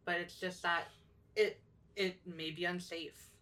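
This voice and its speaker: A woman's voice: on the low side, little pitch movement, a little slow, a bit bright, recorded from a distance. A young woman co-hosting a casual podcast, talking thoughtfully with lots of fillers and restarts. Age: young adult. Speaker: podcast co-host.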